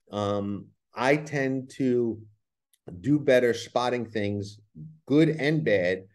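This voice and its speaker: Guesting on a conversational podcast, the Brooklyn-accented New Yorker, a horse racing handicapper, talks in a mid-range, slightly mellow voice. Repeated words crop up often in his explanations.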